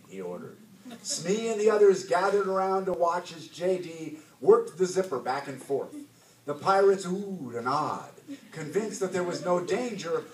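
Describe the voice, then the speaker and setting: A man, an author, reading his story aloud to a bookstore audience with animated, dramatic narration. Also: a little high. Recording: roomy, distant mic, faint hiss.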